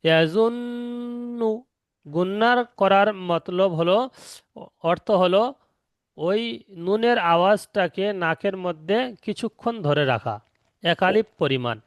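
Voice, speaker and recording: A man teaching Quran recitation rules in an online lesson, explaining slowly and patiently and repeating each step. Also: sits high, lively intonation, no echo, clean studio sound.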